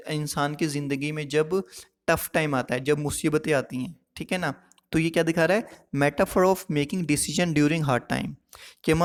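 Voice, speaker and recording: An English teacher with a fairly high male voice leads a classroom lesson on poetic devices, taking it one step at a time. He pauses often to make sure listeners are keeping up. A long, hall-like reverb rings around his voice.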